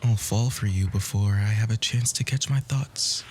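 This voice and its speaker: His voice sits on the low side, natural and at normal speed, with a slight hiss or hum in the audio. He plays a charming, composed bookish romantic in a flirtatious ASMR roleplay, murmuring flowery, courtly phrases softly and breathily, often down to a whisper. The feeling is tender and flirtatious.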